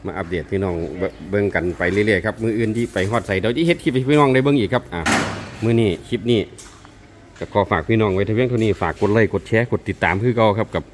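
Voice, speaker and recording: A man's voice: lowish voice, rapid-fire, a little hiss or hum. A man with an Isan accent chatting casually in a rambling vlog update to his viewers. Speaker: owner of a mobile sound truck band.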